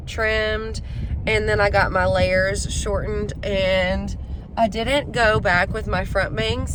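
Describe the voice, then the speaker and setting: A woman vlogger talks casually in a slightly raspy voice, at a middling pitch. She rambles through friendly asides, and there is clear ambient noise behind her. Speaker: vlogger hosting a week-in-my-life video. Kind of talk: casual chat to camera.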